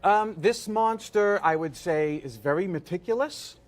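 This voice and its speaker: Brief: male game master, higher-pitched, halting casual answers with repeated words. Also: expressive. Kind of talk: casual live interview answers.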